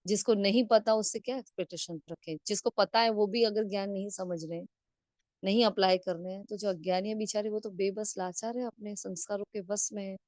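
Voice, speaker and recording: A woman's voice: mid-range voice, steady tone, brisk, darkish tone, no room sound, clean studio sound. A woman giving a spiritual discourse on a video call, asking rhetorical questions and checking in with frequent tag questions. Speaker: spiritual class teacher.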